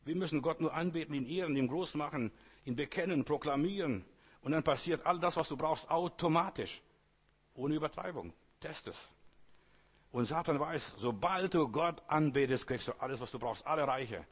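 A man's voice: on the high side, lively intonation, normal speed, breathy edge. A man preaching a sermon, speaking earnestly in short repeated phrases and addressing the listener directly.

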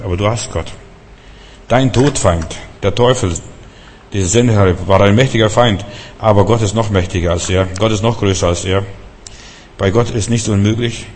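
A man preaching a sermon, emphatic and repetitive, rising to fervent shouts. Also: fairly low pitch, slight background noise. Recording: long church-hall reverb.

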